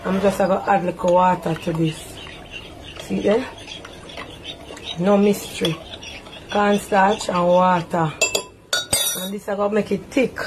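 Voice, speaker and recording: A woman's voice: mid-range voice, background noise. A woman with a Jamaican accent talking viewers through a recipe as she cooks in her home kitchen, chatty and homely. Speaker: home cook. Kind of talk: casual cooking vlog.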